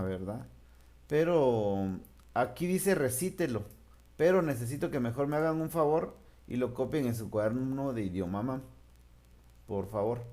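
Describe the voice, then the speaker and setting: A man's voice: medium pitch, dark tone. A man teaching a remote class, patiently explaining and stretching out syllables.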